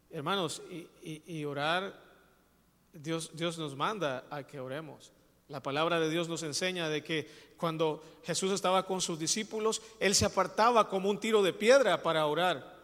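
A man with a notably high voice delivers a sermon. He tells personal anecdotes in a conversational way and then presses his points with emphatic preaching. His voice carries a long hall reverb. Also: moderate pace, fairly bright tone. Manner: storytelling, rising to emphatic preaching.

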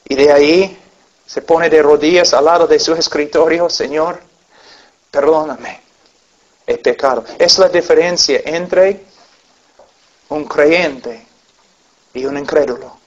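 A man's voice: on the high side, steady tone, a little slow, pauses often. A man preaching a sermon to a congregation, telling stories earnestly and acting out the people in them, on a dull lo-fi recording. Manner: earnest storytelling with acted-out voices.

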